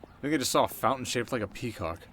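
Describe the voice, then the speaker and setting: Talking fast with an animated, medium-pitched and fairly bright voice, this man plays a cocky delinquent teen in an ASMR roleplay, addressing the listener directly in one-sided dialogue. His mood is teasing and skeptical, his manner casual, wry and sarcastic, now and then flustered. Music plays behind him.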